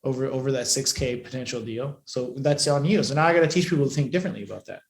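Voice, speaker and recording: A man coaching a live training session, profane and emphatic, pushing his voice loud and then dropping it low for effect. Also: quick pace. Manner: profane, emphatic, shifts between loud and hushed. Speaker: business coach. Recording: echoey room.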